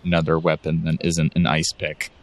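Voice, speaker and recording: A man's voice: a bass voice, monotone, moderate pace. A man playing a tabletop game, agreeable and brief in his replies. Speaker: player. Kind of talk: casual tabletop role-play.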